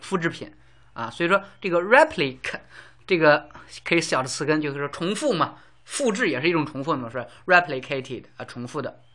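A man's voice: fairly high pitch, bright, forceful tone. A man teaching a casual lesson, explaining words with everyday examples and lots of fillers.

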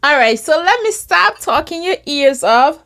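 A woman's voice: high voice, sing-song, unhurried, fairly bright tone. A middle-aged woman from Liberia, chatting casually to camera at her table at home while she eats. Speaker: vlogger. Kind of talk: casual mukbang chat to camera.

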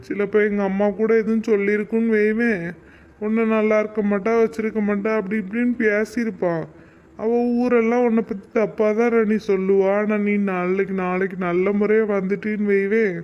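A man's voice: high voice, smooth, dull audio, natural voice. A man voicing a reassuring, caring husband in a cartoon, coaxing and chatty.

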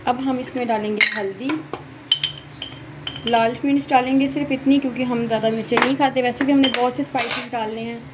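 High-voiced woman cooking over sizzling pan. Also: fairly even intonation, fairly quick, very noisy. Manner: chatty, talks straight to viewers. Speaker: home cooking vlogger. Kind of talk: casual cooking instructions. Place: home kitchen, indoors. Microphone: phone held in hand. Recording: loud frying sizzle behind. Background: frying and stirring sounds.

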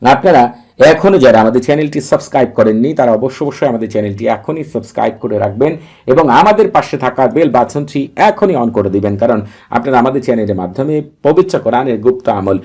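A man teaching a religious ritual to viewers, giving steady, repetitive step-by-step instructions. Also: mid-range voice, a little fast. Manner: recites long Arabic formulas in a chanting cadence.

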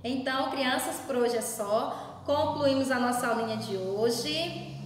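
A woman with a high voice guides young children through a reading exercise. She speaks slowly and patiently and draws out each syllable. Her voice rings around a very echoey room with a long reverb tail. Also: a little hiss or hum. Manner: slow, patient, sing-song teacher talk, stressing syllables. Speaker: primary school teacher. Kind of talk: video lesson for young children.

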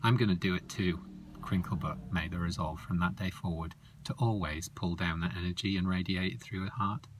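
A man narrating a children's story softly and slowly, often dropping into a whisper. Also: low voice, level tone, slight background noise. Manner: slow, soft, often whispery.

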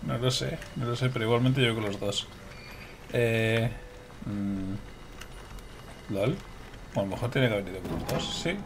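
A man's voice: medium pitch, measured pace, pauses often, background noise. A young man with a Spain Spanish accent commenting casually on his gameplay, swearing, laughing and talking to his viewers. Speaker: gameplay streamer.

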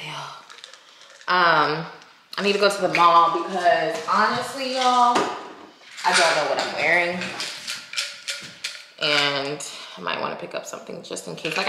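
A woman's voice: lowish voice, background noise. Young woman vlogging in an echoey room. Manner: chatty, slangy, talks straight to viewers. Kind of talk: casual chatty vlog.

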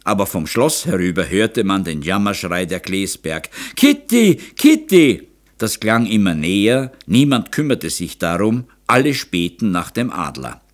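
A male audiobook narrator reading a classic novel. His voice sits low, and his intonation moves in lively, animated arcs, giving the prose an expressive storytelling lift. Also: normal speed, hardly any pauses. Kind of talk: scripted narration.

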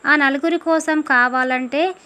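A stubborn, sharp-tongued young wife from a folk tale, brushing off every plea with curt, dismissive replies, as a woman storyteller plays her. Her voice is high and firm. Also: fairly even intonation, unhurried.

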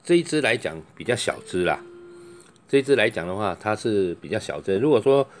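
Low-voiced salesman. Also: animated, a little hiss or hum. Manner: loose, chatty, fills pauses with drawn-out "oh"; tests each mic by calling into it. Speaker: microphone seller. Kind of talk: product demonstration.

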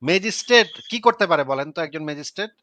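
A man's voice: fairly high pitch, lively intonation, very fast, bright, forceful tone. A man hosting a heated live debate, combative and scornful, hurling insults at his opponent. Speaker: debate host.

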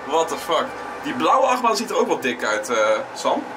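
A man's voice: on the high side, big pitch swings, normal speed, over music, rough recording. A man vlogging casually and giving informal, opinionated commentary while walking around outdoors.

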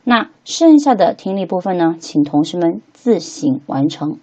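A woman teaching English to beginners, patiently repeating each word slowly three times as she walks through a textbook lesson. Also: on the low side, big pitch swings, a little mellow, husky.

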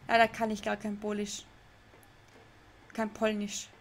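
A woman's voice: medium pitch, monotone, unhurried, a little hiss or hum. A young woman streaming a game live, chatting with her chat, laughing often and getting confused. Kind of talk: live let's play with chat reading. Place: home room.

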